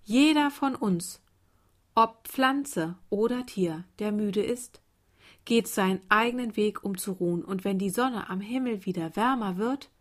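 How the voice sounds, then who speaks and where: A woman's voice: mid-range voice, unhurried, close to an everyday voice. Woman voicing a tired little daisy child. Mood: hopeful. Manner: soft, weary, hushed.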